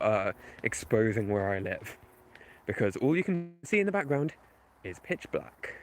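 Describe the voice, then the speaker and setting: A man's voice: mid-range voice, fairly bright tone, a little hiss or hum. A man chatting casually with his stream viewers while walking outdoors at night, rambling and self-deprecating, with lots of fillers. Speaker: video game history YouTuber. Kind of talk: casual night-walk livestream chat.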